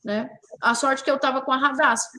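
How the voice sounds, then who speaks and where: A woman's voice: high-pitched, steady tone, fairly quick, sharp tone. A woman from Brazil hosting a talk show, speaking emphatically, repeating key words and firing rhetorical questions. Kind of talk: opinionated talk show discussion.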